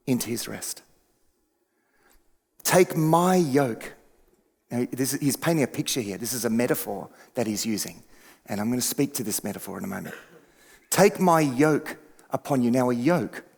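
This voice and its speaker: A male pastor preaching a sermon in a conversational way, dropping to hushed tones and rising to emphatic peaks. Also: mid-range voice, creaky. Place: church sanctuary. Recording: church hall reverb.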